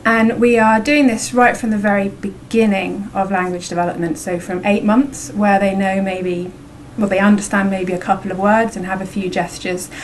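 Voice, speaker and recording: A woman's voice: medium pitch, little pitch movement, normal speed, slight background noise, rough recording. A woman, an academic researcher, explaining conversationally in an interview.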